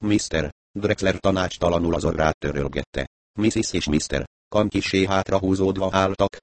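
Mély hangú férfi mesélő. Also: male voice, low-pitched, dry recording. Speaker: narrator. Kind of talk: audiobook narration.

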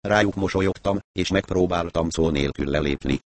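A man's voice: deep voice, no echo. A man narrating a humorous first-person story in a wry, dry manner. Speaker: audiobook narrator.

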